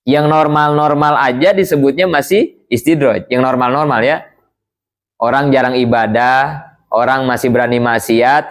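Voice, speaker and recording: Man quizzing young students. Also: a little high. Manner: conversational, quizzes listeners with repeated questions. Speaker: religious teacher. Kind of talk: Islamic creed lesson to young students.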